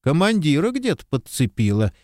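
A man reading an audiobook, voicing a kindly woman who gently teases. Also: on the high side, wildly swooping pitch, normal speed, dry recording, clean studio sound, voice pushed up. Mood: teasing. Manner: warm, teasing.

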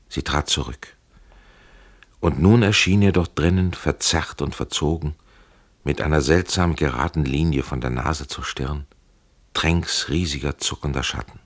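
A man narrating a historical audiobook in a measured, calm way. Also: a bass voice.

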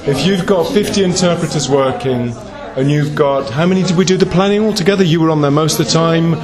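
An English man, an interpreter, giving feedback in a group discussion, pausing with many ums as he thinks aloud. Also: on the high side, a crowd in the background. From England. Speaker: conference interpreter.

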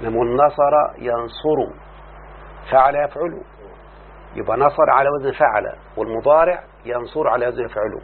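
A man with an Egyptian accent teaching a classroom lesson, explaining slowly and often checking that his students follow. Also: mid-range voice. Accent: Egyptian Arabic. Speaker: teacher of Arabic morphology. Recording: tinny lo-fi line with faint hum.

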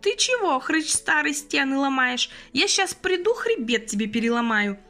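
A woman doing a loud, scolding old neighbour woman. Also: extremely high pitch, big pitch swings, unhurried, faint music behind, voice pushed up, exaggerated voice. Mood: angry. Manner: shouting, scolding.

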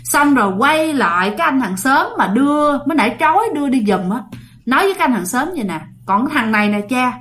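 A woman telling a ghost story in a chatty, casual way. She speaks directly to her listeners and keeps the tale moving. Her voice sits a little higher than most women's. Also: animated, quick pace, a bit bright.

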